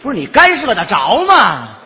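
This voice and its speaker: A man playing the supporting role in stage crosstalk, throwing in quick, wry remarks. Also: high-pitched, wildly swooping pitch, sharp tone, big-room sound.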